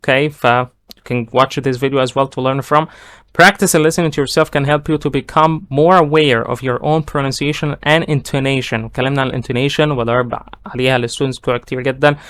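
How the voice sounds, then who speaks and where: A middle-aged man with an Egyptian accent and a smooth, resonant voice runs a bilingual English lesson. His Arabic explanations move fast, and he slows right down to give each English phrase. The sound is dry, with the mic close to him. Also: fairly high pitch, fairly bright tone, no room sound. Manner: mixes Egyptian Arabic with slow read-out English. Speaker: English teacher.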